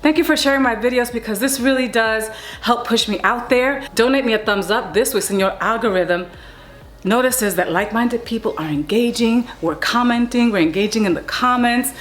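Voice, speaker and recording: A woman's voice: fairly high pitch, normal speed, soft background music. A woman talking casually as she cooks in her home kitchen, playful and chatty, and closing with a blessing. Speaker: cooking vlogger. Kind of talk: casual cooking vlog. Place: home kitchen under hot lights.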